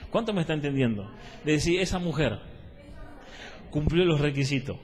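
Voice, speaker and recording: A man's voice: on the high side, lively intonation, normal speed. A man with a Rioplatense Spanish accent teaching a discipleship sermon, repeating his points and asking the listeners whether they follow. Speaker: preacher. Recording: long hall reverb.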